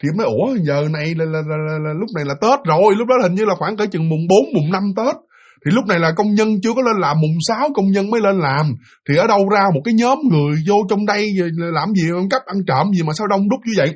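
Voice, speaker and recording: A man with a Southern Vietnamese accent, casually retelling a ghost story in an animated way, full of fillers and repeated words. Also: high-pitched, quick pace.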